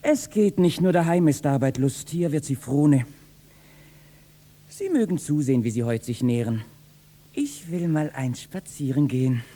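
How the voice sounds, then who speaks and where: Young kitchen boy, cheeky and loud, animated voice, 1960s radio drama. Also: on the high side, measured pace. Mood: teasing. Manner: lively, mocking, bursts into loud shouting. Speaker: actor in a radio play. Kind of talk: classic stage verse, 1960s radio play.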